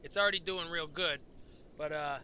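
A man's voice: a little high, normal speed, pushed and bright, a little hiss or hum. A man live-streaming a game, chatting loosely with viewers, swearing often and sounding tired. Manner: profane, rambling, talks to chat. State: tired, yawning. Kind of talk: casual live-stream commentary.

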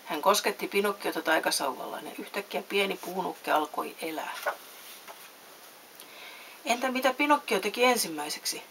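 Woman narrator, children's storybook read-aloud, middle pitch, faint tape hiss. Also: expressive, pauses often, rough recording. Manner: reads voices with raised pitch and loudness.

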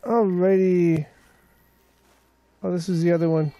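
A man's voice: high voice, steady tone, normal speed, darkish tone, no room sound. A man giving casual commentary as he plays a video game. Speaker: gaming video host.

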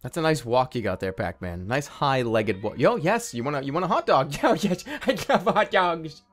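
Male gaming streamer, comedic commentary, incredulous, slightly high voice, very animated intonation. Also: normal speed, faint music behind. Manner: incredulous, exasperated, sweary.

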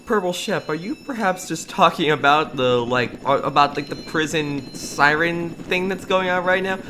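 A man co-hosting a gaming video, excitable and stammering, who yells when scared. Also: a little high, normal speed, soft background music, low-quality recording. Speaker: gaming co-host.

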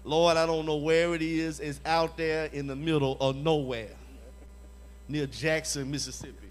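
A man's voice: a little high, steady tone, normal speed, a little hiss or hum. A man preaching to a church conference audience, emphatic and repetitive, often asking them for an amen. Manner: emphatic, repeats phrases, calls for "Amen?" from the audience. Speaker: conference evangelism leader. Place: church hall before a live audience.

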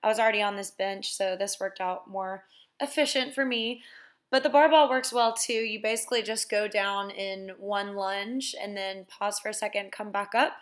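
A young woman, a fitness vlogger, casually talking viewers through glute exercises in a relaxed, chatty way. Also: mid-range voice, moderate pace. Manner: relaxed, chatty instruction with "basically" and "so". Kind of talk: casual workout walkthrough voice-over.

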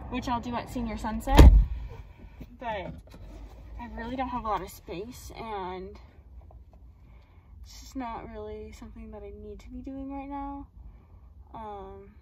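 Higher-voiced teenage woman vlogging amid loud noise. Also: a little slow, pauses often. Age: late teens, young adult. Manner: rambling, with frequent "like" and "you know". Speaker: student vlogger. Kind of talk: casual vlog chat. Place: outdoors walking, then inside a parked or moving car. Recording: distant mic, loud car and outdoor noise.

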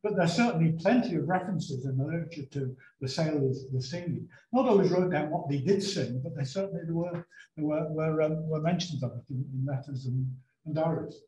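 A man's voice: a little high, fairly quick, warm tone. A man answering audience questions about sea shanties in a chatty, hesitant way, with many ums. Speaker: guest speaker on sea shanties. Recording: roomy echo.

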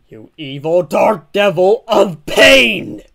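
A man voicing an angry young male hero who shouts at a villain. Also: a little high, sing-song, slow pace, heavily acted. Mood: outraged. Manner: shouting, outraged. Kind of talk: amateur voice acting on a livestream.

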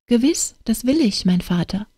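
A woman voicing a dreamy, pleading young woman in an audiobook tale, speaking softly and imploringly. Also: fairly high pitch, animated, normal speed, husky, dry recording, clean studio sound, pitched above the performer's own voice. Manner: soft, imploring.

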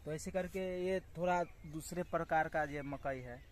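A young man from Bihar, India, speaks with a Bihari accent in a fairly high voice at a moderate pace. He's a vlogger giving a casual farm tour out in open fields, pointing things out and explaining them repetitively. He's recorded on a handheld phone outdoors, with clear background noise and rural ambience.

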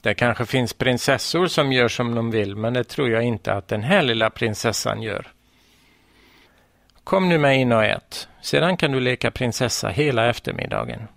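A man's voice: medium pitch, animated, gravelly, fairly bright tone, dry recording, clean studio sound. A man voicing a mother who scolds and coaxes her small daughter in a children's story. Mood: amused. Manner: scolding, coaxing, then amused. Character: stern but fond mother of a small girl. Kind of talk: storybook reading.

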